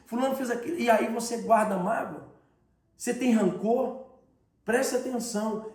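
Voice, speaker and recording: Brazilian bishop, male, very high voice, insistent repetitive preaching, echoey room. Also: darkish tone. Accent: Brazilian Portuguese. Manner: emphatic, repetitive preaching with rhetorical questions. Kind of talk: sermon.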